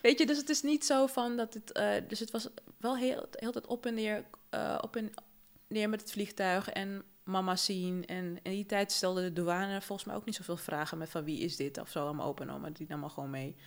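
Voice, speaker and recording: Lively young woman from Suriname telling stories. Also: medium pitch, fairly quick. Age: young adult. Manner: lively storyteller, acts out quoted voices, laughs often. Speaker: podcast co-host. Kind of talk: casual chat.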